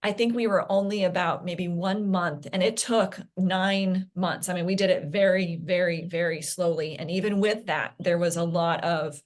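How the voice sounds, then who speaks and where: A woman speaking as an interview guest, a parent recounting her son's health journey in an earnest, halting way with frequent restarts. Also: lowish voice, steady tone. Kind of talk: candid interview conversation.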